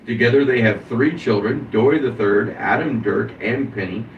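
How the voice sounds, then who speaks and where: A man talks through a wrestler's life on a casual podcast. He reads the recap and breaks off for asides. His voice sits at a middle pitch and comes from a dull, distant mic with faint hiss in a roomy space. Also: moderate pace. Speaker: podcast host.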